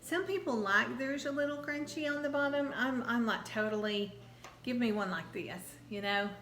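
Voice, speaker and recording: A fairly high-voiced woman chats through a home cooking segment in an upbeat, rambling way, laughing easily. Her voice rings in an echoey kitchen. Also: moderate pace, fairly bright tone, a little hiss or hum. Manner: chatty and upbeat, laughs often, trails off mid-sentence. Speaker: cooking show co-host. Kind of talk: casual cooking-show chat.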